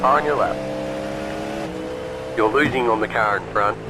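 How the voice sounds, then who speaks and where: A man's voice: lowish voice, unhurried. Man giving terse spotter calls. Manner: short clipped traffic calls, repeated. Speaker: race spotter. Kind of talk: terse spotter calls over team radio.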